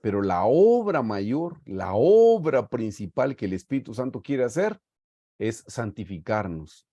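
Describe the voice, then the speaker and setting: Earnest preacher, mellow and dry. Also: male voice, medium pitch, sing-song, a little slow, dry recording, lo-fi sound. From Guatemala. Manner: earnest, warm pastoral storytelling, often saying "hermanos". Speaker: Bible study teacher. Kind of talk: sermon-style Bible teaching. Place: home on a video call. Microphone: video call mic.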